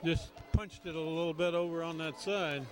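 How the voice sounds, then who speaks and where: High-voiced man calling a football game. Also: normal speed, crowd noise. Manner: steady, conversational play calling. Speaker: play-by-play announcer. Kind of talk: high school football radio commentary.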